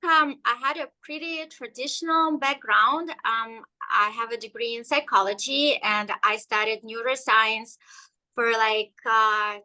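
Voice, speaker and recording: A guest energy healer whose native language is Russian tells her story in a casual interview, hesitating often and using lots of fillers. Her voice sits on the high side with a sharp edge, captured in a rough recording.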